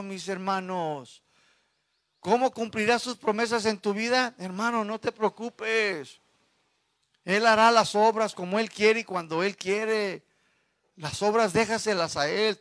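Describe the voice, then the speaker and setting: A middle-aged man preaching a sermon in a church, fervent, rising to loud exhortations and dropping to low, confiding asides. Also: no echo. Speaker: pastor.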